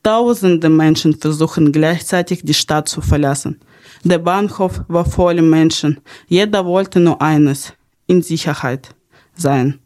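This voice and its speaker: A woman's voice: low voice, a little slow, darkish tone. A young woman from Ukraine, hosting a podcast in an earnest, partly read style with small grammar slips. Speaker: podcast host.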